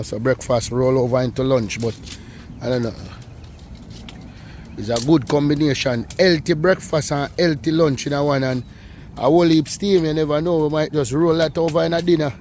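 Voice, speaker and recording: A man with a Jamaican accent hosting an outdoor cooking vlog, chatting in relaxed patois and teasing playfully. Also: fairly high pitch, moderate pace, a little hiss or hum. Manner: laid-back patois banter, playful teasing. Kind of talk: casual outdoor cooking chat. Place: outdoors beside an open cooking fire.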